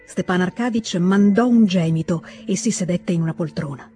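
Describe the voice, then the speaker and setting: A woman reading a classic novel aloud in a measured, even storytelling manner. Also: fairly low pitch, slightly rough, soft background music. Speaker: audiobook reader. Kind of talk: scripted literary narration.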